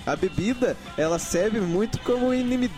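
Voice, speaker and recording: A man's voice: high voice, expressive, normal speed, music in the background. A young man co-hosting a podcast, giving teasing mock advice in casual chat. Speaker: podcast co-host.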